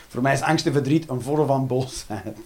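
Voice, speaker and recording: A man performs a stand-up comedy routine at a measured pace, swinging between loud outbursts and low muttering and swearing along the way.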